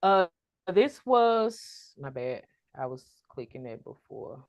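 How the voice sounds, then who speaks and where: A woman giving an online trucking business workshop, lively and preacher-like, calling out to her audience for an amen. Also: a bass voice, slow, no room sound. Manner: energetic, preacher-like call and response.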